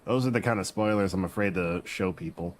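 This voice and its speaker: A man with a low voice streams a game, chatting casually at a brisk pace. He rambles, pokes fun at himself, and corrects himself mid-sentence.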